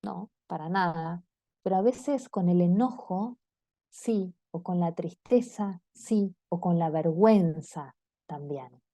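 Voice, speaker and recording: A woman's voice: fairly low pitch, takes it slowly, warm tone, dry recording. A woman with an Argentine accent gives a talk to parents and teenagers on a video call, checking in with her listeners again and again. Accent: Argentine Spanish. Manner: engaging, often checks in with the audience. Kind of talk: online talk to parents and teens.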